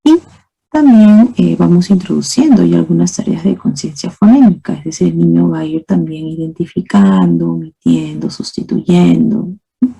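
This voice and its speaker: A woman lectures teachers in a calm, explanatory way, often closing her points with "¿ok?". Her voice is very dark and mellow, with a gravelly, somewhat husky edge. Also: lowish voice, normal speed, poor audio. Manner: explanatory, asks rhetorical questions, says "¿ok?" and "¿no?" often. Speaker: teacher trainer. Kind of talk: methodology lecture.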